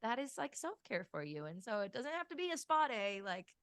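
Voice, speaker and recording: A woman's voice: on the high side, sing-song, a little fast, fairly bright tone, smooth, no echo. Chatty woman host, dry close sound. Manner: chatty, lots of "like", laughs easily. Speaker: podcast host. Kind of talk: casual podcast chat.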